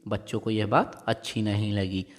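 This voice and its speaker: A male teacher reading a Hindi story aloud and explaining it line by line, stopping to ask his class quick checking questions. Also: on the low side, little pitch movement. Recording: long hall-like reverb.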